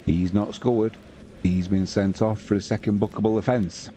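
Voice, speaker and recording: This British-accented man in his fifties has a low, mellow voice and a steady tone. He is a football commentator and host who chats slowly and unhurriedly on a relaxed live stream, reading out scores, with slight background noise behind him.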